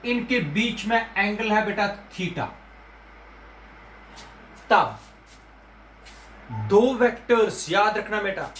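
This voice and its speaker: Slow, high-voiced male physics teacher. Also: slight background noise. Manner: repeats key terms slowly, calls students "beta". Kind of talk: classroom lecture. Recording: echoey room with faint ambience.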